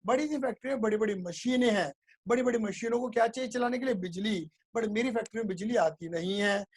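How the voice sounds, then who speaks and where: Male tutor with a high-pitched voice, playful classroom storyteller, checks understanding constantly. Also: fast. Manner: playful, keeps asking if it is clear, makes sound effects. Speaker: teacher.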